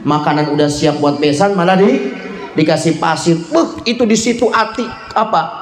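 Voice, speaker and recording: High-voiced animated male preacher, echoey hall. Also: normal speed. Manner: animated, mimics characters in voiced asides, mixes in Javanese phrases. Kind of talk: sermon with storytelling. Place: event hall at a school celebration. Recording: roomy echo of a hall.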